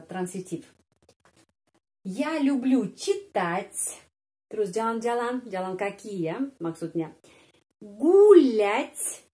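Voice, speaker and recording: A woman with a Russian accent teaching a language lesson, repeating words slowly and ending phrases with a questioning "ya". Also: a little high, darkish tone. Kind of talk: slow explanatory language lesson. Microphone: speaking to a whiteboard lesson video.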